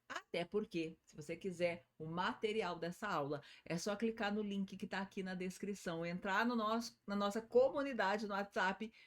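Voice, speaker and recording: A woman with a Brazilian Portuguese accent teaching an English lesson, saying short English phrases slowly for learners to repeat and urging them on in quick Portuguese. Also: medium pitch. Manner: slow, spelled-out English model phrases between quick Portuguese prompts; lively, encouraging teacher cues. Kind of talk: online lesson with repeat-after-me drills.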